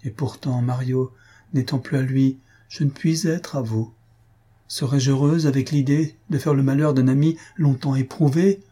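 A man's voice: mid-range voice, fairly even intonation, normal speed, dark tone, breathy edge, pitched above the performer's own voice, natural voice. A man reading an audiobook, voicing an anguished young noblewoman with a solemn, pleading manner.

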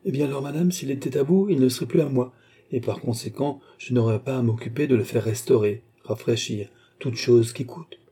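A man's voice: medium pitch, a little fast, mellow, husky, close to an everyday voice. A man reading aloud and voicing a sly, fawning furniture merchant with wheedling sales talk.

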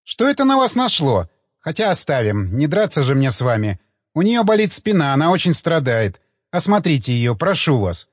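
A sharp-tongued old stage actress, commanding and insistent, her voice pitched up high and swinging widely as a man reads her part. She scolds and pushes without pause. The audiobook sound is a little dull and lo-fi. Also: big pitch swings, no echo. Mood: insistent, scolding.

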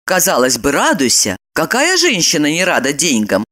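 A woman narrating an audiobook in an expressive storytelling voice. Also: low voice, moderate pace. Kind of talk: scripted narration.

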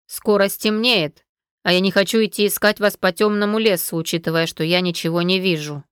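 A woman reading a stern, blind dark lord. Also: fairly low pitch, steady tone, brisk, clear, resonant tone, dry recording, studio quality, close to an everyday voice. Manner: stern, admonishing.

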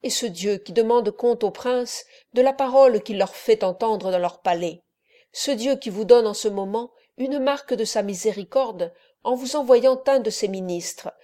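A man's voice: high voice, mellow. A woman reading an elderly friar in an audiobook, fervent and preaching. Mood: pleading. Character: impassioned elderly male friar, pleading then wrathful.

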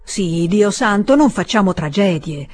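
A woman reader voicing a composed elder brother who talks in an ironic, patronizing and calmly reasoning way. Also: mid-range voice, unhurried, faint music behind, close to an everyday voice.

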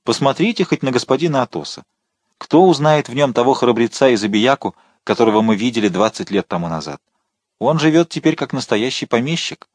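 A man's voice: medium pitch, lively intonation, a little fast, no room sound, close to an everyday voice. A man reading an audiobook, voicing a grumbling former servant turned shopkeeper who slyly protests at hard travel.

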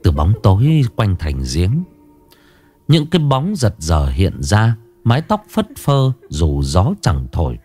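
A man's voice: lowish voice, wildly swooping pitch, slow, warm tone, husky, faint music behind. A man narrating a horror story in a dramatic, scripted style.

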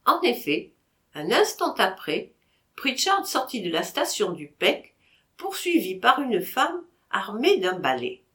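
A woman's voice: on the high side, huge pitch swings, slow pace, fairly bright tone. A woman reading a classic novel aloud, narrating expressively and voicing each character. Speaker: audiobook reader.

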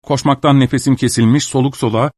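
A man narrating a literary audiobook in a measured, even storytelling manner. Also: medium pitch, no echo, studio quality.

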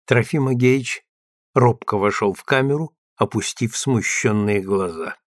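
A man narrating a novel in measured storytelling. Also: mid-range voice, dry recording, studio quality. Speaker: audiobook narrator. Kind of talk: scripted narration.

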